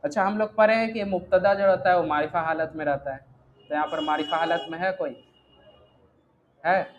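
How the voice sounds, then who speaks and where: A man's voice: a little high, a little fast. A man teaching a grammar class, explaining step by step and often quizzing his students. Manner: asks the class questions, repeats "ठीक है". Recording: dull lo-fi sound, faint noise.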